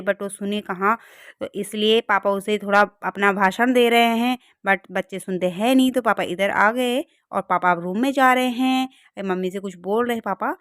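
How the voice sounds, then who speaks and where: A woman's voice: mid-range voice, fairly bright tone, dry recording, clean studio sound. A woman in her thirties giving a chatty, cheerful running commentary on her family day for a vlog. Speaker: vlogger. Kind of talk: casual vlog narration.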